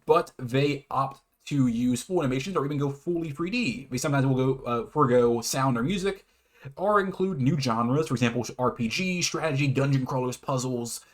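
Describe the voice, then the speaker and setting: A mid-pitched male YouTube host presents his own definitions in an informal online explainer, switching between reading prepared lines and ad-libbing. He sounds hesitant, stumbling over words, correcting himself, and often chuckling between phrases.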